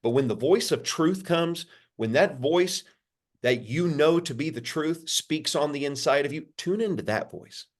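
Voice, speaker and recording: A pastor, a man, answering interview questions in a sermon-like way, repeating phrases and lifting his pitch for emphasis. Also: measured pace. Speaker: pastor, podcast guest.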